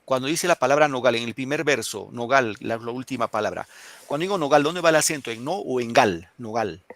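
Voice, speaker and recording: Man, teacher, Peruvian Spanish accent, rough gravelly tone, dry sound, explains and quizzes the class. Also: mid-range voice, fairly quick, fairly bright tone, no echo. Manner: explains and questions students, reads poems aloud. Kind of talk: classroom lesson.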